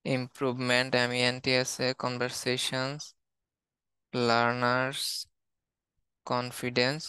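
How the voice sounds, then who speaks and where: Bangladeshi male English teacher, slow flat word-by-word listing, bright crisp close sound. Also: medium pitch, dry recording. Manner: steady, listing words one by one. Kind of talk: reading out a word list in a lesson.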